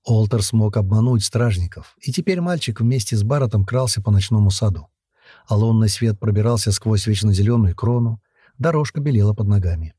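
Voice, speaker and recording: A man narrating a fantasy audiobook in a steady storytelling manner. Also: fairly low pitch, a little fast, husky, no echo, clean studio sound.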